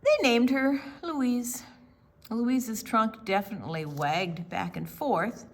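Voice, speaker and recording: A woman with a fairly high-pitched voice hosts a children's storytime, reading a picture book aloud. Her phrasing is theatrical and deliberate, drawing young listeners in.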